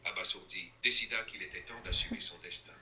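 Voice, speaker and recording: A man's voice from an AI assistant, narrating silly stories with lively, theatrical jumps in pitch. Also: fairly quick, slight background noise. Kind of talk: storytelling narration.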